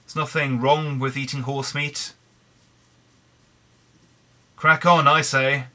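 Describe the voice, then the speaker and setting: Hoarse British man rambling over gameplay. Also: medium pitch, flat delivery, takes it slowly, sharp tone. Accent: British English. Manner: rambling, chatty, frequent restarts. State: hoarse, croaky throat. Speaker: Minecraft let's player. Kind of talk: casual gameplay commentary.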